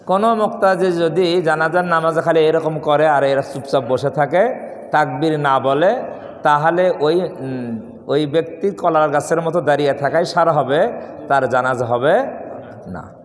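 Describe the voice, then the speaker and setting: A man from Bangladesh giving a Friday sermon as imam in a mosque, often posing questions for the congregation to finish and drawing out sample recitations. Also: a little high. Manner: rhetorical questions the congregation completes, drawn-out demonstrations of recitation. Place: large mosque prayer hall. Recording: echoey hall with long reverb.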